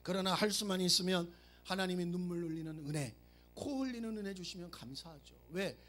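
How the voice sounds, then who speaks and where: A middle-aged male pastor giving a lively sermon, acting out prayers and joking with the congregation. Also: high voice, fairly quick. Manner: animated, acts out prayers and quotes, jokes with the congregation. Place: church sanctuary.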